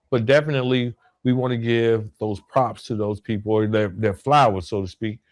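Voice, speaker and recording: A male podcast host delivers a semi-scripted motivational monologue, earnest and emphatic, repeating phrases for effect. His voice is medium in pitch with a darkish tone.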